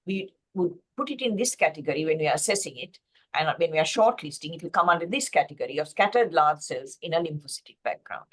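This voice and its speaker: Over a video call, a woman from Sri Lanka delivers a pathology lecture based on slides, explaining steadily with frequent fillers and self-corrections. Her voice is low, animated, and fast.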